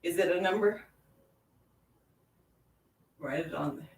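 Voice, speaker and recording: A woman leading a chair yoga class, guiding breath and movement with slow, soothing, repeated cues. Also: on the low side, gravelly, darkish tone. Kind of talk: guided yoga class with visualization. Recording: echoey room, voice from far off.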